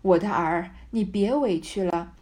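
A woman's voice: medium pitch, a little slow, mellow, lightly acted. A woman voicing an anxious, scolding older mother from a classic novel. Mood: soothing. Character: fretful older mother of a rich household.

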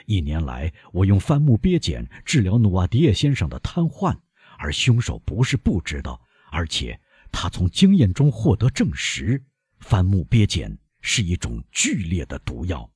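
A relentless doctor, voiced by a man reading an audiobook, cold and measured as he presses his case. His deep voice is rough and husky, rising and falling sharply, and sounds dry and close. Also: huge pitch swings, darkish tone, no room sound, heavily acted. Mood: stern. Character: stern older male doctor, relentless accuser.

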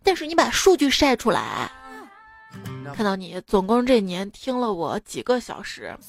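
With vocal fry and huge pitch swings, this young adult woman keeps a moderate pace as she reads playful quips on a radio joke show. She laughs at her own lines in a teasing, casual way, her medium-pitched voice set against background music.

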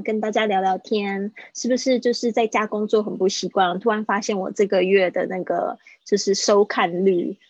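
A woman English teacher on a livestreamed lesson, chatting casually and repeating example phrases slowly for her students. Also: mid-range voice, darkish tone, breathy edge, no echo, muffled recording.

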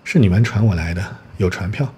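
A man reading a storybook's proud, poor young male student, who answers with sharp, indignant retorts in a low, mellow voice. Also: fairly quick, slight background noise, lightly acted. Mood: terse.

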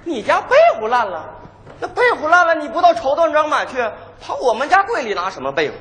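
An actor playing a mischievous, greedy young peasant brother in a comic folk opera, teasing and punning. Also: male voice, very high-pitched, big pitch swings, brisk, a bit bright, heavily acted. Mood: mocking. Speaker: errenzhuan actor. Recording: hall reverb with faint noise.

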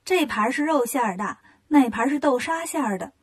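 A woman's voice: sits high, lively intonation, moderate pace, slightly rough. A woman doing a coaxing female demon. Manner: coaxing, teasing. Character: scheming, flirtatious female demon in a cave.

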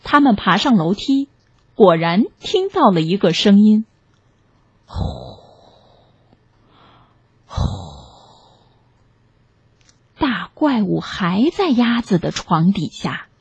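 A woman reading a picture-book story aloud for children in a gentle, animated way. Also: mid-range voice, measured pace, breathy edge, no echo, highs cut off.

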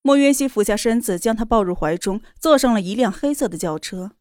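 A woman reading a romance novel aloud in a steady, even storytelling voice. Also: on the high side, a little fast, no echo, studio quality. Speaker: narrator. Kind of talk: scripted novel narration.

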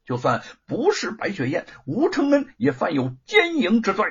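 Male narrator doing a menacing official, raised husky voice, sneering, for a storybook. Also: sits high, huge pitch swings, normal speed, voice pushed up, full character voice. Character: scheming, grim official, harsh middle-aged man. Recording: dull lo-fi recording.

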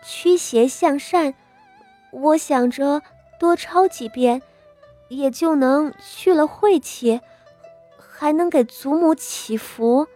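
A woman's voice: high-pitched, takes it slowly, dark tone, faint music behind, voice pushed up. A woman voicing a timid, sickly young noble girl who speaks meekly and stammers a little. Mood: meek, pleading. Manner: meek, hesitant, stammering.

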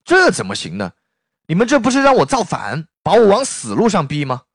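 A man's voice: fairly high pitch, very animated, a little fast, no echo, clean studio sound. A man telling it as a stern reluctant general. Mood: protesting. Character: reluctant general, a man pressed to take the throne.

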